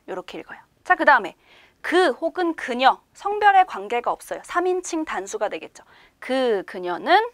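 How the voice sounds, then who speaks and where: Lively high-voiced woman teaching a language. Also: no echo. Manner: patient, explains step by step with many rhetorical questions. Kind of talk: online language lecture.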